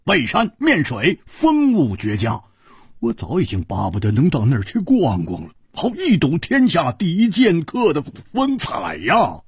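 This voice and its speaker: A man voicing a boisterous, hard-drinking male swordsman who talks loudly and laughs as he speaks. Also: on the high side, wildly swooping pitch, a little slow, slightly rough, dry recording, studio quality, voice pushed up, heavily acted. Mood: eager. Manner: loud, laughing, blustering.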